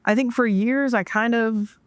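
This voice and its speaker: A woman in her forties, a podcast guest, telling a casual story with lively asides and acted-out quotes. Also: on the high side, measured pace, no room sound. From Washington DC area. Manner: animated, acts out quoted dialogue.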